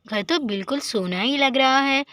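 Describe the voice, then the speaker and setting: A high, bright woman's voice telling a homely village doll story, chattering along to herself in a lively way. The recording is close and dry, with no room sound. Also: normal speed, no room sound. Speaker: storyteller voicing all the dolls. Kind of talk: Hindi doll story narration with character voices.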